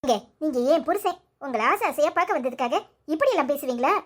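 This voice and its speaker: A hurt, pleading young wife in a cartoon story, voiced by a woman. She sits very high and thin in pitch and keeps pressing her husband with reproachful questions. Her tone stays wounded and insistent. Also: expressive, fast talker, a bit bright.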